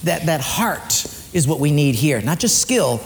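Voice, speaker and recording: A man preaching a sermon as a pastor, swinging from loud raised lines down to quiet low ones. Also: big pitch swings, measured pace. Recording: long hall reverb, faint room noise.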